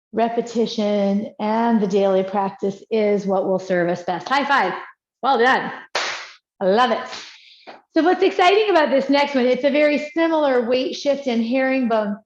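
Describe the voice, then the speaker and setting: A woman teaching tai chi, giving calm, encouraging movement cues in short, unhurried phrases. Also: fairly high pitch. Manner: encouraging, praising as she guides. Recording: dull, echoey room sound.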